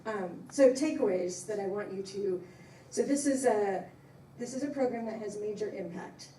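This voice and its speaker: A woman's voice: mid-range voice, moderate pace, warm tone. A woman giving an informal talk to a congregation as a professor, speaking in an emphatic, appreciative way. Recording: echoey room, distant, faint noise.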